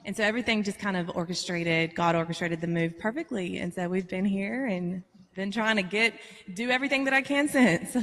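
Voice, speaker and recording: Woman, singer-songwriter guest, relaxed conversational delivery, heavy big-hall echo on a live-stream mic. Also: medium pitch, fairly quick. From southern Georgia, USA. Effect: big hall reverb on the mic. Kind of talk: casual interview chat. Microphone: live-stream call with reverb left on.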